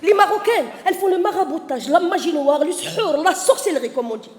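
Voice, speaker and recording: A woman doing stand-up, telling a family story in a lively way and acting out her mother's lines. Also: very high-pitched, fairly quick. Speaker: stand-up comedian. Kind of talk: stand-up routine. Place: large concert hall. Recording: echoey hall reverb from a live stage.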